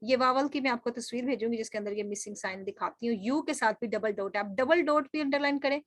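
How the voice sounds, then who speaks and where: A woman's voice: on the high side, quick pace, no echo, studio quality. A woman teaching linguistics in a recorded lecture, explaining step by step, asking rhetorical questions and telling students what to underline.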